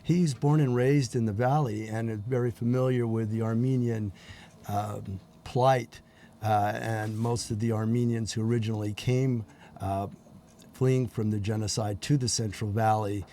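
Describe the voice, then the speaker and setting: A middle-aged man as a guest on a TV interview, speaking haltingly with many pauses and fillers. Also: on the low side, fairly even intonation, mellow, slight background noise. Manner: halting, many ums and uhs. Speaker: guest from a community organization.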